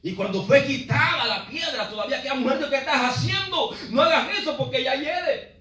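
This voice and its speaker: A man pastor preaching a sermon, swinging between loud cries and low asides and often calling the congregation brother. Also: normal speed, distant mic. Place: church sanctuary. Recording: echoey church hall, preacher off the mic.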